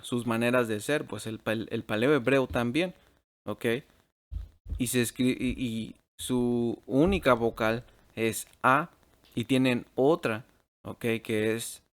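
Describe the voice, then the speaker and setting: Slow man teaching, asking "ok?" constantly. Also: medium pitch. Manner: checks in with "ok?" after nearly every phrase; mixes English words into Spanish. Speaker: Bible teacher. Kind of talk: casual Bible teaching over shared slides.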